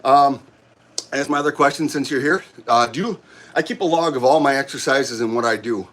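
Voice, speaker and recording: A middle-aged man, out of breath, chatting casually with viewers of his livestream during a gym workout, halting and rambling with many restarts. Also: medium pitch, a bit bright. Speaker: livestream host. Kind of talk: casual chat while working out on a livestream. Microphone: camera set up nearby.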